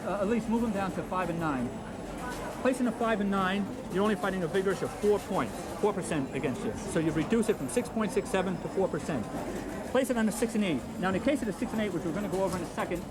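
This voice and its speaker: A man teaching craps odds in an instructional video, patiently drilling the numbers and checking in with "okay?", heard from a worn VHS tape copy. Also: high voice. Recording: music underneath, old tape copy.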